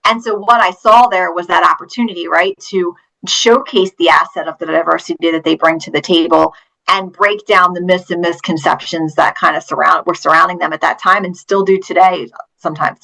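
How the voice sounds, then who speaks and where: A woman's voice: on the low side, fairly even intonation, brisk, vocal fry, pushed and bright, rough recording. A woman from Pennsylvania, a teacher and author, answering interview questions in an earnest, storytelling way. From Pennsylvania, USA.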